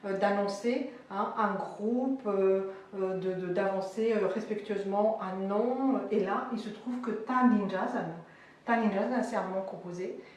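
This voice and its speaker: A woman teaching a language lesson, explaining words slowly with many hesitations and fillers. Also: medium pitch, darkish tone. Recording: echoey room, voice far from mic, faint noise.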